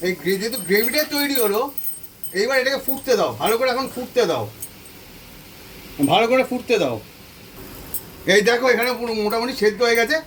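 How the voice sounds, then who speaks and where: A man's voice: extremely high pitch, fairly bright tone, slight background noise. A man hosting a home cooking channel, walking viewers through a recipe step by step, repeating each instruction and speaking to them directly from his kitchen stove. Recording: voice from a distance off the mic. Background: frying sizzle and stirring.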